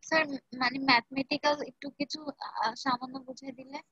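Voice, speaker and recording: A woman's voice: sits high, steady tone, fast talker, bright, forceful tone, slightly rough, no room sound. A female student asking her teacher polite, hesitant questions in class. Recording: dry muffled call audio.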